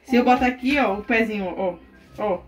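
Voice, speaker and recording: A young mother records a home vlog on her phone in a bedroom, her voice sitting at an ordinary pitch for a woman. She slips between sing-song baby talk and chatty asides to her viewers, laughing easily. Soft music plays faintly in the background. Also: fairly quick. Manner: laughs often while talking. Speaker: mother vlogging her baby's month birthday.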